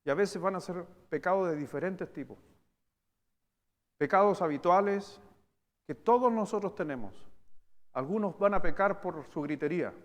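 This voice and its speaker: Chilean male pastor, high voice, animated sermon delivery, long hall reverb. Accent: Chilean Spanish. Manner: animated preaching, swinging from loud emphatic bursts to slow quiet stresses. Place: church hall.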